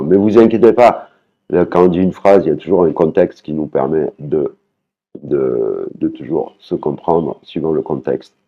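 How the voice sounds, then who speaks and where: A man's voice: very deep voice, mellow, dull audio. A man teaching a language lesson, patiently repeating words and singing out their tones.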